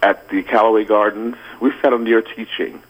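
A man with a Brooklyn accent speaks in a very deep register with a husky edge. He comes across as an earnest, deliberate caller chatting casually on a radio call-in. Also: fairly even intonation, poor audio. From Brooklyn, New York.

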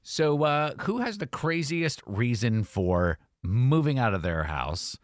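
A man's voice: mid-range voice, very animated, slow pace, noisy background. A man hosting a radio talk show, casual and jokey, who laughs often. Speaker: radio host. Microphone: studio mic.

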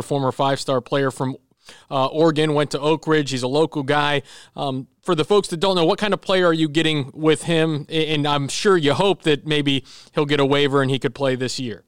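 American male sports co-host, slightly high clean voice, casual and conversational. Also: clean tone, dry recording, studio quality. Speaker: sports podcast co-host and interviewer.

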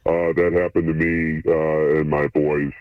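A man speaking through a voice changer that shifts his voice deep, chatting in a laid-back, hesitant way as an anonymous radio guest. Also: level tone, unhurried, no room sound. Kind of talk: casual chat. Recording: phone-like line through a voice changer.

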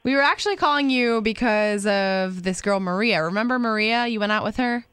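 A female radio co-host with a smooth, clear voice. She is blunt and giggles readily as she chats on air. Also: mid-range voice, brisk, fairly bright tone. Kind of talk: morning radio show banter.

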